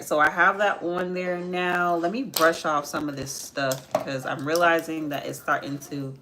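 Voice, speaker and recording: Over a noisy background, a low-voiced woman in her twenties runs a live makeup tutorial. She chats casually with viewers, answering their comments as she works, and repeats phrases.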